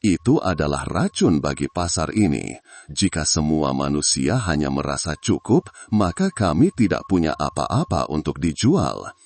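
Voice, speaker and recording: A man narrating a storybook voices an ancient male ruler of a spirit market, cold and measured. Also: rumbling low, sing-song, slightly rough, full character voice.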